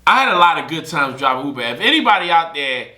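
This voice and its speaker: A fast-talking young man with a voice on the high side hosts a podcast, telling casual stories. Animated, he performs other people's lines, recorded in an echoey room.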